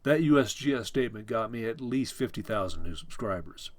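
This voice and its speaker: A man's voice: on the low side, expressive, brisk, dry recording. A man reading as a smug male online quake forecaster. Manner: self-satisfied, aggrieved.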